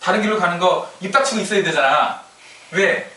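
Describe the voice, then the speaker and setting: A man's voice: high-pitched, a little fast, bright, forceful tone. A man preaching a sermon as pastor, telling the story in a chatty, humorous way, heard echoing from a distance. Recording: echoey room from a distance.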